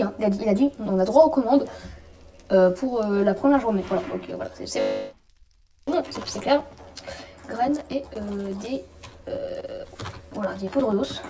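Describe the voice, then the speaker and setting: A woman hosting a let's play, giving excitable, rambling commentary and swearing when things go wrong. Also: medium pitch. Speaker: gaming video host. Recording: roomy, distant mic, noisy background.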